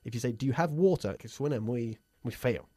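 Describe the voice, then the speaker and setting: A man with a mid-range voice and a dark tone hosts an upbeat radio English lesson in two languages from a studio. He teaches English at a normal speed, laughs often and drills pronunciation. The recording is dry.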